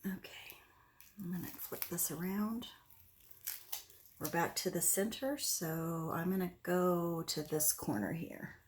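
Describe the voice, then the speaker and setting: A woman with a slightly low voice hosts a casual craft demonstration. She talks through each step as she works, unhurried and conversational. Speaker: host of an acrylic pour painting tutorial. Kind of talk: casual craft demonstration, narrating as they work.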